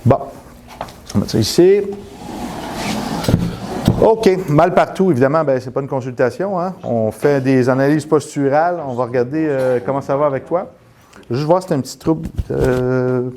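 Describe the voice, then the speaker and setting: A man with a Quebec French accent, telling a rambling, animated story full of restarts and then guiding a postural check. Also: medium pitch, gravelly, slight background noise. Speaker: postural therapist. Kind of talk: casual storytelling and live demonstration.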